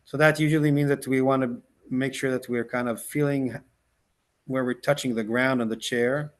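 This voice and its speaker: Speaking in a steady, medium-pitched male voice, a rabbi whose mother tongue is Hebrew leads a casual class and then a slow, tender meditation. He halts and restarts frequently, leaning on "like" and "right?" checks.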